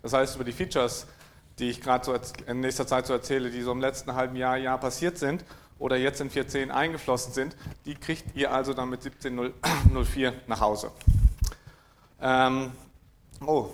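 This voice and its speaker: Man, conference tech lecture, dry and halting, keeps clearing his throat, mid-pitched, faint room hum behind. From East Frisia, northern Germany. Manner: hesitant, many fillers, frequent throat clearing, dry. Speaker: conference speaker. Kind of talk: technical conference talk.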